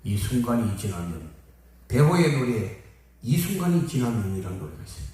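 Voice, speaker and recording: A man's voice: medium pitch, big pitch swings, moderate pace, mellow. An older man preaching as a pastor, telling a folksy story and briefly acting out the people in it. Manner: folksy, acts out quoted people. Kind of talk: storytelling sermon. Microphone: phone camera at a distance. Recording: echoey hall, phone from far off.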